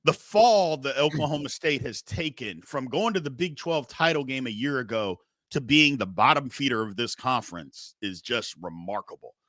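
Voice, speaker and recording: A man's voice: medium pitch, lively intonation, moderate pace, few pauses, fairly bright tone, dry recording. A middle-aged man hosting a sports show, giving blunt, emphatic, casual opinions and repeating his phrases for effect.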